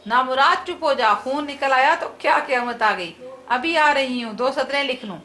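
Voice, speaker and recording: A woman's voice: high-pitched, moderate pace, pushed and bright, a little hiss or hum. A woman reading aloud the lines of a flustered, busy housewife who scolds her household. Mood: scolding. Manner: exasperated scolding.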